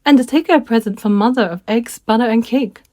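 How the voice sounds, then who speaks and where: A woman's voice: on the high side, fast, warm tone, pitched above the performer's own voice, natural voice. A woman reading a sweet, cheerful little girl.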